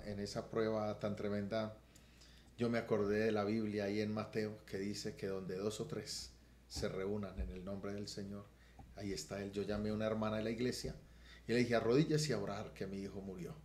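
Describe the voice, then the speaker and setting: Earnest pastor, roomy echo. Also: male voice, on the low side, level tone, normal speed, a little hiss or hum. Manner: earnest, swells loud and emotional in retelling. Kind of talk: testimony on a podcast. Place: podcast studio room.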